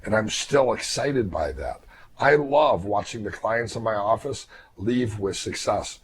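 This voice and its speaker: A man in his fifties, a hypnotist and therapist, speaking earnestly to fellow hypnotists in a measured way, his voice a little weakened after throat surgery. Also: lowish voice, animated, a little hiss or hum. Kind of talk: reflective talk to fellow hypnotists.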